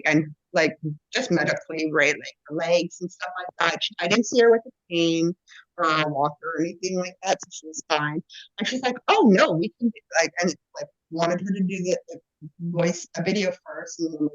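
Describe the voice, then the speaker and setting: A woman from Canada, a podcast co-host, tells a story in a chatty, rambling way with many fillers. Her voice comes through muffled, as if she is talking from inside a fishbowl. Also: fairly low pitch. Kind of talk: casual storytelling on a call. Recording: muffled dull dry call audio.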